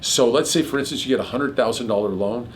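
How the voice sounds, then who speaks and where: A middle-aged man hosting a casual chat about mortgages, explaining figures quickly with a jokey manner. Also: medium pitch, slight background noise. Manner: rapid, jokey, piles on figures. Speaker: mortgage broker host.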